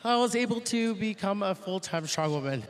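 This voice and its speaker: A woman's voice: medium pitch, expressive, moderate pace, noisy background. A breathless female strength athlete answering interview questions candidly.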